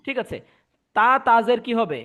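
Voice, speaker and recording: A man teaching an online recitation class, patiently explaining and drilling syllables slowly for students to repeat over a video call. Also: extremely high pitch, lively intonation, fairly bright tone.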